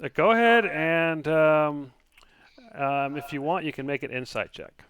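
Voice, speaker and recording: A man narrating a tabletop game as game master, improvising in a halting way with pauses. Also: fairly high pitch, a bit bright, clean tone, dry recording.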